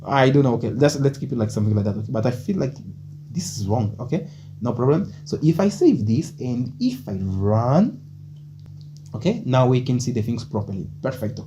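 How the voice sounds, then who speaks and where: A programming tutor whose first language is Portuguese gives a casual coding lesson in English, speaking at a medium pitch and normal speed with big pitch swings and a warm tone. He is chatty and loose, often adding "okay?" and thinking out loud, recorded on a dull lo-fi mic with a faint hum.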